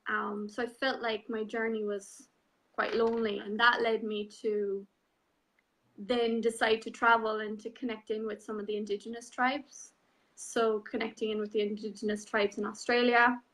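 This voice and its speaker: An Irish woman in her thirties, a transformational coach, reflects on her personal story as a guest in an online interview. Her mid-range voice is gravelly and the recording rough, and she speaks softly and unhurriedly, with frequent ums and you-knows.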